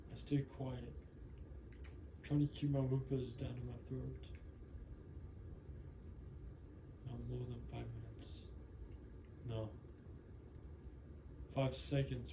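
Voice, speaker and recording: A man's voice: mid-range voice, vocal fry, noisy background. A man narrating as a frightened young female wolf pup, telling her escape in first person with earnest, breathless urgency. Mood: hushed.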